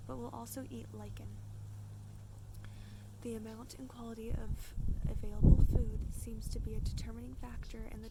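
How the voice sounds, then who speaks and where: A woman whispering wildlife facts in a hushed ASMR style, outdoors, sometimes correcting her own slips as she reads. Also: on the high side, gravelly, noisy background. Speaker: ASMR host. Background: outdoor ambience.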